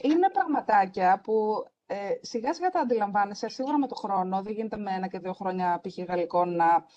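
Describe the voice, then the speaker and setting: Earnest woman with a dark, dull-sounding voice. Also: mid-range voice. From Greece. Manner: earnest, emphatic, mixes English words into speech. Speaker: French teacher and podcast host. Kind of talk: casual podcast conversation.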